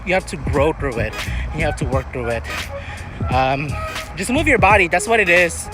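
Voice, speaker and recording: A man's voice: on the high side, animated, moderate pace, over music. A man chatting casually as a vlogger, giving earnest, encouraging advice and rambling as he searches for words. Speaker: vlogger answering viewer questions.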